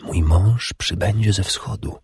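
A man reading an audiobook, voicing a bold, sly young princess in a hushed, often whispered voice. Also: sits low, measured pace, slightly rough, no echo, clean studio sound, exaggerated voice. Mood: whispering. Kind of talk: audiobook character voice.

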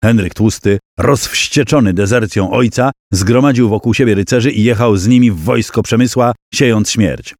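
Reading a historical battle tale aloud for an audiobook, a fairly low-voiced man moves at a moderate pace with hardly any pauses, acting out the characters' shouts and cries within the narration. There's no echo; the sound is dry and close.

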